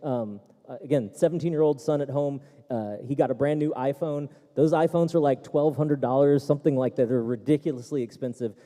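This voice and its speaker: A man's voice: mid-range voice, brisk, hardly any pauses, mellow. A man answering tech questions at a seminar, talking casually with many fillers and restarts. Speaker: tech expert panelist. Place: seminar hall. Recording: echoey hall.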